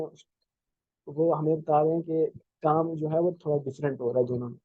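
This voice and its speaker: A man giving a programming lecture, explaining slowly with many fillers and restarts, over a video call. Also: a little high, dark tone, no room sound, muffled recording. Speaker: programming instructor. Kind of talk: live online lecture.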